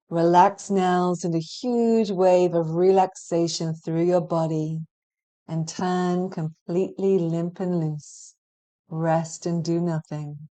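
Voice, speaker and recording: A hypnotherapy practitioner leads a guided relaxation meditation with hypnotic scripted narration. Her lowish, clean voice is gentle and measured, and she leaves long pauses between phrases.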